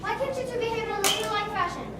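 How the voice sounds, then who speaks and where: A woman's voice: very high voice, normal speed. A woman playing a stern, prim old grandmother who scolds and exclaims in an amateur stage play. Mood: scolding. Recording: echoey hall, distant mic, loud noise.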